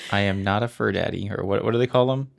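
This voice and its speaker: A man's voice: on the low side, a little fast, creaky. A man in his thirties co-hosting a family podcast, chatting in a laid-back, self-deprecating, rambling way. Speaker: podcast co-host. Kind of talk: casual chat.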